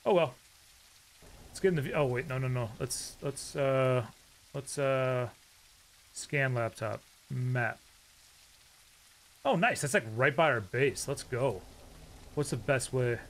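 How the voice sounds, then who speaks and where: Gravelly guy rambling through his game, yelps when stuff jumps him, bit of hiss behind. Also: medium pitch, takes it slowly, pauses often, fairly bright tone. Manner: chatty and rambling, with sudden startled outbursts. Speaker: gaming YouTuber. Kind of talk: casual gameplay commentary.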